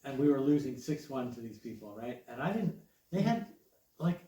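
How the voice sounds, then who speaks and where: A man's voice: mid-range voice, big pitch swings, moderate pace, dark tone. A man co-hosting a casual podcast, asking short questions in a teasing way. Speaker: podcast co-host. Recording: echoey room, distant mic, slight noise.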